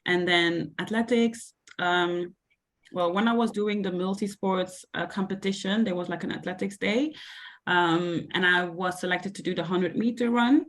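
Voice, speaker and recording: This young woman from Belgium has a voice on the low side, with fairly even intonation and a normal speed. As a guest and a sports coach and mentor, she answers interview questions about her coaching hesitantly, using many fillers like um and like.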